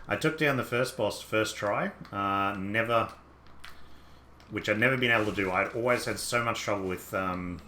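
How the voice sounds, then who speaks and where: Here a young man with an Australian accent and a lowish, pushed, bright voice chats casually at normal speed during a game stream, wandering between viewer chat and remarks to himself about play. There's reverb and a little hiss or hum.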